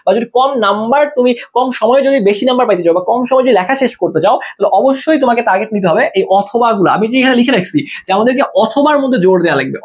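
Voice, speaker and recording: Rapid, chatty exam tutor, mid-range pitch, casual lesson. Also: slightly rough. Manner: rapid, chatty, asks and answers own questions.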